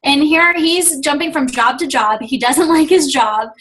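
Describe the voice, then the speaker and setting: A woman's voice: sits high, measured pace, a bit bright, poor audio. A woman speaking on a video call as a guest speaker, telling chatty stories and urging her team on. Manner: chatty storytelling, quotes others in their voices. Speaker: guest speaker, top-ranking distributor. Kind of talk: motivational video call talk.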